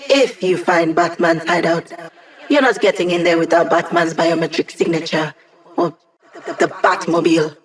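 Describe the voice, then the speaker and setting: A woman's voice: medium pitch, natural voice, rough recording. An actress playing a quirky young female hacker who lives inside computer networks, chatty, wry and techy, in a video game. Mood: matter-of-fact. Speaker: mission support character giving tips and updates.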